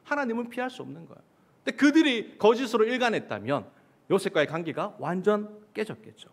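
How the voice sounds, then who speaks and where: A male pastor delivers a sermon in church, his voice pitched high and moving up and down a great deal. He keeps asking the listeners questions and answering them himself. At times he acts out the quoted lines in a mocking voice. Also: animated, a little fast, vocal fry.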